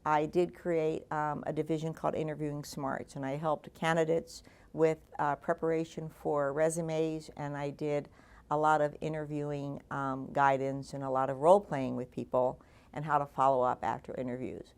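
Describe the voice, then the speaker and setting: Older woman from D.C., deep gravelly voice, unhurried storyteller with frequent fillers. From Washington, D.C. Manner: relaxed, halting with many fillers. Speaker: award honoree. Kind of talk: personal life story.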